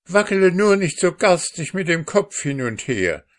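A man's voice: high voice, big pitch swings, normal speed, voice pushed up. A man playing an indignant young boy. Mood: anxious. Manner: indignant, scolding.

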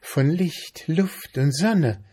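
A man voicing a carefree female mayfly in a storybook reading, speaking softly and wistfully. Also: fairly high pitch, husky, voice pushed up, heavily acted. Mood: dreamy. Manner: soft, wistful, unhurried.

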